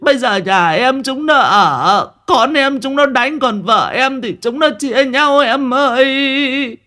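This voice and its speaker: A man's voice: high voice, lively intonation, normal speed, voice pushed up. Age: middle-aged. Figure: wailing village woman as a man puts her on. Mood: wailing lament. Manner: sing-song lamenting wail, stretched out.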